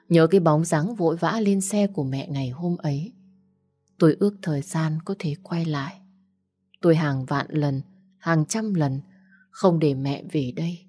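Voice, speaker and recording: A woman reading a first-person story aloud in a soft, sorrowful way. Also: low voice.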